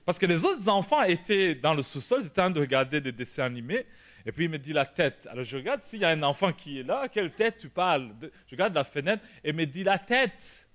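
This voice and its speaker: A male pastor, telling a personal story in a sermon, animated and shouting at the dramatic moments. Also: a little high, quick pace. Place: church prayer meeting.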